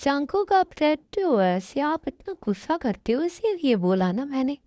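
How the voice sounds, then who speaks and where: A timid young wife, played by a woman who pleads softly and apologizes often. The voice is somewhat high, mellow and warm. It is recorded dry and close to the mic, with no room sound. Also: big pitch swings, normal speed, no echo. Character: timid young woman, sweet and easily frightened. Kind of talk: Hindi fan-dub romance drama.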